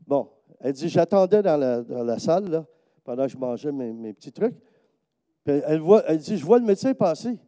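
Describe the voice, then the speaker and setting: This preacher speaks fairly quickly in a dry recording, his Quebec French accent carrying a sermon testimony inside a church. He tells animated stories and slips into a higher voice whenever he acts out someone he's quoting.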